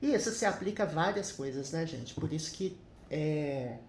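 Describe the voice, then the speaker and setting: A man's voice: on the high side, expressive, normal speed, echoey room, a little hiss or hum. A man teaching English grammar in a casual, chatty way, often adding little tag questions as he explains.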